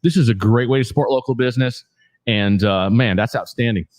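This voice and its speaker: A man's voice: mid-range voice, fairly quick, darkish tone, dry recording. A man hosting a casual local talk show, rambling with many restarts and fillers as he tries products. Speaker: host.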